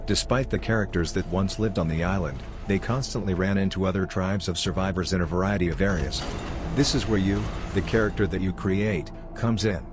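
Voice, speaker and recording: A man's voice comes through a robotic filter, low-pitched and steady. He walks through game lore in a measured, explanatory way. Game music plays clearly behind him. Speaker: gameplay commentator. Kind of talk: scripted game commentary.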